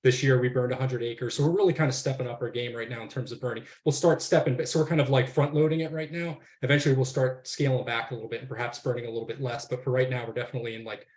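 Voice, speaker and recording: A man's voice: medium pitch, fairly even intonation, very fast, hardly any pauses, a little mellow, roomy sound. A man on the forestry faculty of a university, speaking in a casual, rambling way on a webinar panel, with many fillers and restarts.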